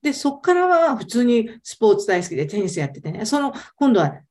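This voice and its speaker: A woman talks quickly and eagerly as a guest in a casual interview. Her voice is warm and mellow, and her pitch swings widely as she stresses her points. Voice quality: animated, emphatic storyteller. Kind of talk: casual storytelling chat.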